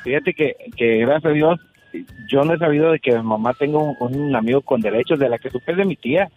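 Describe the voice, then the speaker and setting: A man's voice: medium pitch, brisk, narrow, tinny audio, soft background music. A man calling in to a comic show, bantering playfully. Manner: playful, joking back. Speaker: caller. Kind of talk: casual banter.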